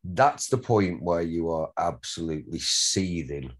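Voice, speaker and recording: A director with a Northern English accent gives rambling, encouraging notes to actors at a script read, repeating words and swearing casually. His low voice has lively intonation and a measured pace.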